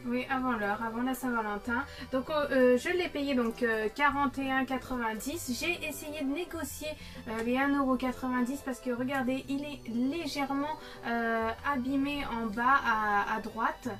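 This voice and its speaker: A woman, chatting casually to camera and explaining things in a halting way. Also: high voice, a bit bright. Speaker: co-host of a video game collecting vlog. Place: small game-collection room indoors. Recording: distant camera mic, faint music.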